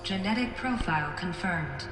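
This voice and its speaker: A woman voicing a malfunctioning facility computer, with a glitching robotic effect and flat, clipped announcements. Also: on the low side, moderate pace. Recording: roomy echo over game music.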